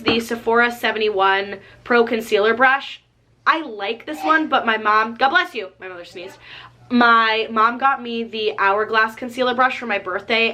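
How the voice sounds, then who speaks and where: A young woman films a casual vlog at home, going through her things and chatting with lots of "like" thrown in. Her voice is slightly high with a sharp tone, and there's a faint hiss or hum in the recording.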